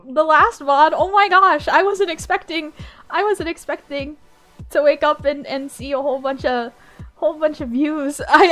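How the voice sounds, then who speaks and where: A woman's voice: high voice, a bit bright. A young woman streamer with a groggy morning voice, chatting casually, bubbly and giggly, repeating her phrases as she greets viewers. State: groggy morning voice, just woke up. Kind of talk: casual live-stream chat.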